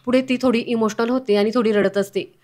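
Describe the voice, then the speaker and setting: सपाट सुरात गोष्ट सांगणारी बाई. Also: female voice, fairly high pitch, a little fast. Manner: even, conversational retelling with asides. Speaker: TV serial recap narrator. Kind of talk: casual storytelling recap.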